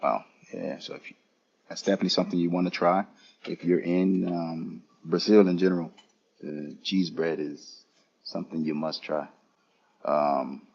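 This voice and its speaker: Male travel streamer, deep husky voice, casual unhurried tour of an airport lounge. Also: darkish tone, highs cut off. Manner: casual, unhurried, talking to chat viewers. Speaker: travel vlogger. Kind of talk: live-streamed lounge walkthrough.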